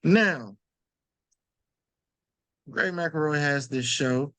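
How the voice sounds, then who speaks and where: A man's voice: fairly high pitch, very slow, a bit bright, no room sound. A man co-hosting a casual sports podcast, talking loosely and animatedly with slang and swearing. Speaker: podcast co-host.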